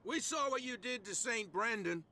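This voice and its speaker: A man's voice: very high voice, lively intonation, normal speed, bright, forceful tone, full character voice. An actor voicing drunk, hostile male islanders in a video game, slurring and taunting.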